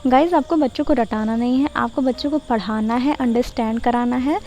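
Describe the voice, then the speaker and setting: A woman tutor explaining a lesson plan step by step, mixing Hindi and English and reading English lines slowly. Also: fairly high pitch, mellow, slight background noise, low-quality recording. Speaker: teacher-training tutor. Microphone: voice-over for screen slides.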